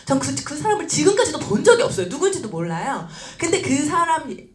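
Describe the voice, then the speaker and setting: A woman giving a seminar talk as a lively story, acting out voices and laughing often. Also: high-pitched, a little fast, slight background noise. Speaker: speaker at a business seminar. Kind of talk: animated storytelling lecture. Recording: roomy echoey hall.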